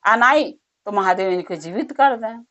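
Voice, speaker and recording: A woman voicing a merchant's wife who laments loudly over her husband, speaking in plain village speech. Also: mid-range voice, lively intonation, moderate pace, close to an everyday voice. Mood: lamenting. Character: wailing middle-aged merchant's wife, selfish. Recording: dull lo-fi recording.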